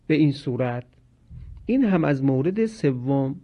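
A man teaching Quranic pronunciation in a slow, measured lesson, drawing out each example word as he recites it. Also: medium pitch, lively intonation, dull audio.

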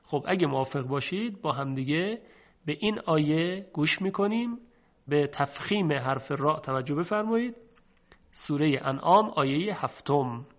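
A man teaching a recitation lesson patiently, slowing down and drawing out each example word. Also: fairly high pitch, animated. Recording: dull lo-fi recording.

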